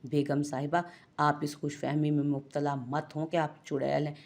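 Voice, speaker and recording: A woman's voice: deep voice, level tone, moderate pace, gravelly, darkish tone. A woman doing a teasing young husband. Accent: Urdu. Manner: teasing, mock-innocent.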